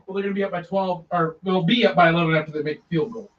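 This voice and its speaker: A man's voice: high voice, very fast, muffled recording. A man, the host's husband, casually calling out football score updates from off to the side of the stream. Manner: following a football game, offering updates.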